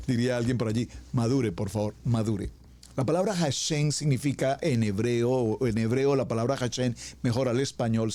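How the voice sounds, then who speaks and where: A male pastor preaching a sermon, reading scripture slowly and with emphasis, often repeating pleading phrases to the congregation. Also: mid-range voice, dark tone.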